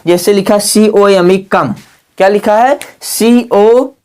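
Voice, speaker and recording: A man's voice: high voice, a little mellow, smooth. Man spelling out words for a class. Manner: spells words out slowly, letter by letter; keeps asking the class rhetorical questions. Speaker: teacher. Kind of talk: explaining an English lesson.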